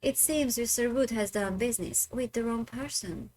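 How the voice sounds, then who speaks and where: A woman voicing a gruff, suspicious working-class Victorian man. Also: on the high side, moderate pace, a little mellow, close to an everyday voice.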